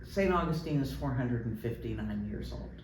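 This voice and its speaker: A man telling stories and explaining things conversationally in an interview, with hesitant pauses. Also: medium pitch, lively intonation, a little mellow. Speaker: ghost tour company representative and guide trainer. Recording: roomy, distant mic, faint background noise.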